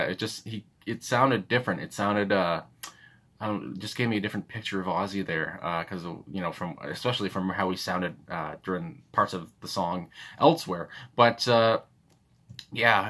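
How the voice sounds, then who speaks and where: A man's voice: low voice, a bit bright. A young man hosting a music reaction, talking in a hesitant, rambling way with many fillers and restarts. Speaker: music reaction channel host. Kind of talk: casual unscripted commentary.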